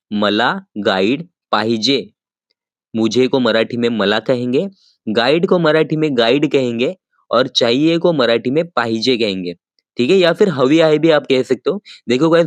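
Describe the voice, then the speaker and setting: A man teaching phrases in a lesson, patiently repeating each sentence slowly and talking straight to his viewers. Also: medium pitch, dry recording. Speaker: language teacher. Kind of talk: explaining vocabulary in a lesson.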